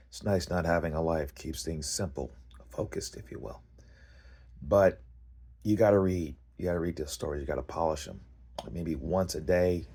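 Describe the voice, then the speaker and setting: A man's voice: deep voice, darkish tone. A man speaking in a casual, rambling monologue as a writer and vlog host, telling things bluntly in punchy, dramatic phrases. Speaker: fiction writer hosting a rant vlog.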